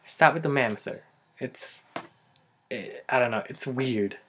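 A man's voice: medium pitch, a little slow, fairly bright tone, slight background noise. Chatty young man with Filipino accent. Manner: chatty, rambling, lots of likes and ums. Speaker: vlogger. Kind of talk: casual comedic vlog.

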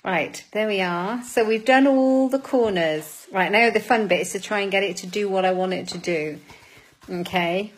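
A woman's voice: mid-range voice, steady tone, normal speed, slight background noise, low-quality recording. A woman giving a live craft demonstration, chatting with viewers as she works and laughing at her own fumbles. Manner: chatty, greets viewers by name.

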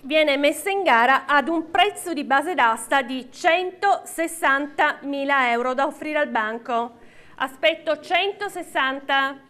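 A woman's voice: high-pitched, measured pace, pushed and bright. A middle-aged woman working as an auctioneer, calling and repeating bids in an auctioneer's chant at a live sale. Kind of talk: live auctioneering of classic cars. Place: large auction hall with seated audience.

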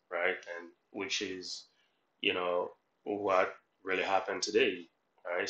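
A middle-aged Haitian man, a life coach and reaction host, gives motivational commentary in a low voice with a sharp tone. He is instructive and repetitive, often checking in with the listener. He records indoors in a small room at home, and the audio has a roomy echo.

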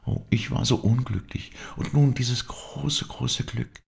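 A man with a deep voice voicing a tender, sorrowful young woman in an audiobook, speaking softly and pleadingly. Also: steady tone, takes it slowly, gravelly. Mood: tearful joy.

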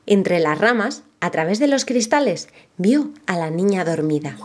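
Female storyteller for a children's tale, expressive with a lively, animated pitch.

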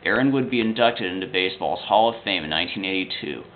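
Low-voiced man reading sports history. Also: fast talker, a little hiss or hum. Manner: steady, fact-heavy reading. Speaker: video narrator. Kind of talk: read sports history narration. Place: small indoor room at home. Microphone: webcam. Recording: tinny lo-fi webcam audio.

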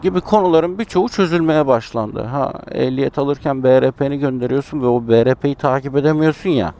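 Weaving through city traffic on his motorbike, this man from Turkey chats with viewers in a mellow, mid-range voice that runs a little fast. The motovlogger muses and comments on the road as if talking to himself, over faint engine and road sounds.

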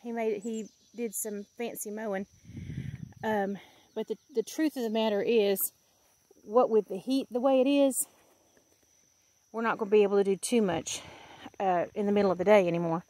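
A woman's voice: mid-range voice, steady tone, normal speed, dark tone, slight background noise. A woman in her fifties walks outdoors through a blackberry patch and films a homey, chatty vlog with fillers and easy laughs. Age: 50s. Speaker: vlogger.

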